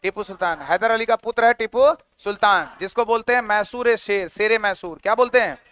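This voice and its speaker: A man's voice: high-pitched, a little fast, a bit bright, clean tone. A male teacher giving an exam-prep history lecture, asking questions and repeating the answers.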